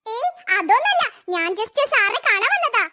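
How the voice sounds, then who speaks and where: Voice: sing-song, a little slow, sharp tone, exaggerated voice. A performer voicing a jealous, scheming young office woman in a cartoon, sugary to her boss and plotting under her breath. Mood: pleading. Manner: sweet to the boss, low muttered asides.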